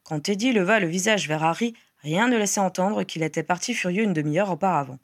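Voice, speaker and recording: A woman narrating a fan-written novel in a measured, expressive storytelling voice. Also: lowish voice, no room sound, studio quality. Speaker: audiobook reader. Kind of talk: scripted narration.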